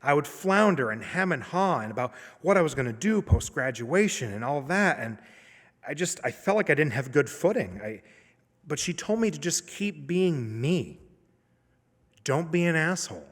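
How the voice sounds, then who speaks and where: A man's voice: fairly high pitch, very animated, fairly bright tone. Man telling a story in a reverberant hall. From Maine. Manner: conversational, self-deprecating, with dramatic pauses. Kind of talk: live stage storytelling. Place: opera house stage.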